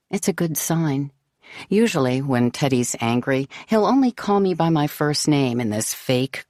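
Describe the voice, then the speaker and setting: A woman's voice: very deep voice, no room sound. A woman narrating a novel in the first person, composed and wry, close to the mic. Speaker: audiobook narrator.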